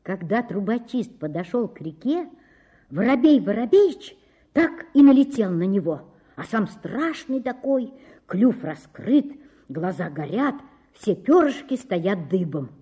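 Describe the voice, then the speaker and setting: A woman reading a children's fairy tale aloud in an expressive storytelling manner. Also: mid-range voice, a little slow, slightly rough, muffled recording.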